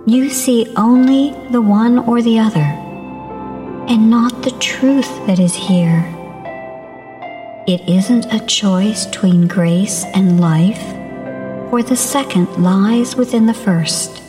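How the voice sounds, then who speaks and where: A woman voicing a brave, calm young female bear who answers a villain in soft but clear, steady verse. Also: fairly high pitch, slow, over music. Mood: resolute.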